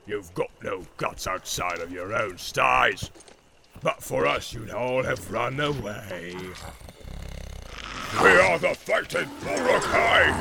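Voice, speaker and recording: A man voicing a brutal, boastful male orc captain who barks orders in a deep growl. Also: gravelly, heavy background noise, full character voice. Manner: barking slow blunt orders.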